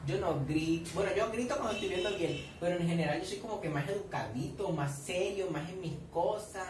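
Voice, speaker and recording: A young Colombian man chatters through a reaction video, gossipy and animated, teasing his viewers as he goes. He sits back from the mic in an echoey room, and a faint hiss runs underneath. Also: sits high, a little fast, recorded from a distance. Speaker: reaction vlogger. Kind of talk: casual reaction commentary. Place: at home with family nearby.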